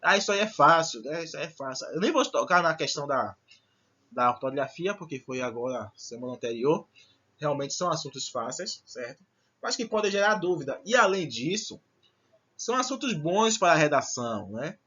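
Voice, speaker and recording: A man's voice: fairly high pitch, big pitch swings, moderate pace, bright, forceful tone, breathy edge, lo-fi sound. A male teacher giving a recorded lesson, explaining patiently and checking in with frequent questions to the class. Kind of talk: recorded online Portuguese lesson.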